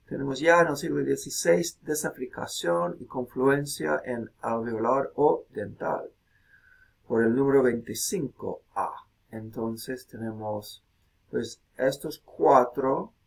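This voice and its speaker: A man giving a recorded video lecture, slow and deliberate, saying example words aloud one by one. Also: mid-range voice, creaky, slightly rough.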